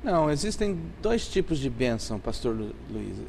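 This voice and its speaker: A man's voice: medium pitch, very animated, normal speed, vocal fry, darkish tone, a little hiss or hum. A man, a pastor on a panel discussion about faith, explaining his point at length with hesitant restarts.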